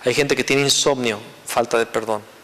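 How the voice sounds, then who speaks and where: A man's voice: mid-range voice, steady tone, normal speed, fairly bright tone, long reverb tail. A man preaching a sermon as pastor, conversational and teasing his congregation. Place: church sanctuary.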